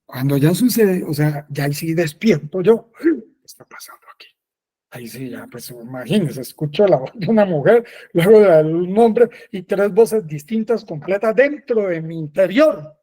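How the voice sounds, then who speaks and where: Friar for a catechesis talk, male, slightly higher voice, soft warm tone, chatty and repetitive. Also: expressive, moderate pace, few pauses. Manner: conversational, repeats himself, frequent affirming "sí". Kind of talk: spoken catechesis, personal testimony.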